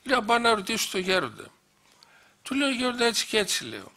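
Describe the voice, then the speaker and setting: Recounting personal memories as a guest speaker, this middle-aged man tells his stories anecdotally, acting out dialogue with many "he says" asides. He speaks in a high, sing-song voice with a sharp tone.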